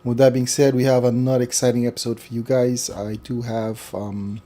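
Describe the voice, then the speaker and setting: A man hosting a casual live online talk show over a video call, chatty and relaxed, with frequent fillers. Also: medium pitch, normal speed. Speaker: host.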